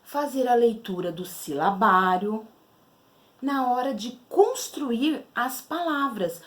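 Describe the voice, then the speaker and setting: A woman's voice: fairly high pitch, expressive, takes it slowly, fairly bright tone. A woman teacher with a Brazilian Portuguese accent, patiently explaining syllables to children step by step. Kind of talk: literacy lesson to children.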